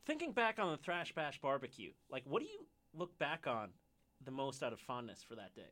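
A man's voice: medium pitch, big pitch swings, a little fast, pushed and bright. A man interviewing a band, asking casual, loosely phrased questions.

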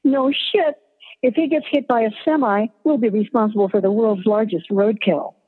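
A woman voicing a panicky young female veterinary student, shrill and frantic, later tearful, over a tinny line with long reverb. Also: steady tone, normal speed, breathy edge.

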